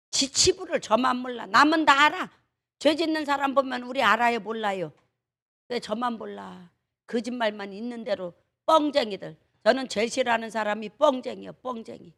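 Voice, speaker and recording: Woman pastor, Chungcheong accent, gravelly voice; emphatic, homespun sermon delivery with plenty of rhetorical jabs. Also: on the high side, moderate pace, sharp tone. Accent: Chungcheong Korean. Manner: emphatic, folksy, scolding with rhetorical questions. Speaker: senior pastor. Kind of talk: dawn prayer service sermon.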